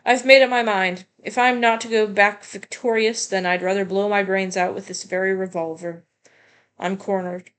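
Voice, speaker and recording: A proud male scientist, cornered and defiant, speaking his lines from a video game with grave, declamatory weight, as a woman reads him out in a voice close to her own. His pitch sits in a middle range. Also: steady tone, moderate pace, fairly bright tone, clean tone, close to an everyday voice. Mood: despairing. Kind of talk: reading game dialogue aloud.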